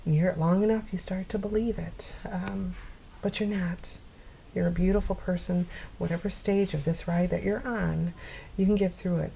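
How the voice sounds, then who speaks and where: Earnest low gravelly woman, holding back tears. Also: fairly even intonation, dark tone, a little hiss or hum, poor audio. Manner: earnest, pleading, halting with sighs and pauses. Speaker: vlogger sharing her story. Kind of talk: personal address to camera.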